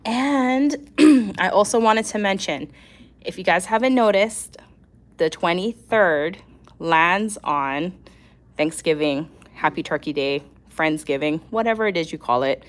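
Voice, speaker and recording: Congested and nasal from a cold, this woman runs a weekly nail art livestream in a scratchy, lowish voice. Her casual chat is animated yet unhurried, broken by the occasional throat-clearing.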